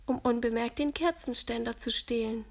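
A woman's voice: on the high side, moderate pace, gravelly. A woman voicing a thoughtful young boy detective who speaks earnestly.

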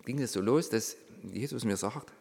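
Low-voiced man telling a story. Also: moderate pace, creaky, big-room sound. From Saxony, Germany. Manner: lively storyteller who acts out quoted dialogue, dropping to a hushed voice. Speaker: former reality show participant. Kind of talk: personal storytelling.

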